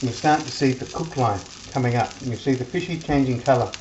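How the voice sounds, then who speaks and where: A woman's voice: extremely low pitch, fast, dull audio. A woman vlogger chatting in a homely way while she cooks in her home kitchen, with a pan sizzling. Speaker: cooking vlogger. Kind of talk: casual cooking demonstration. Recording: echoey kitchen with loud frying noise.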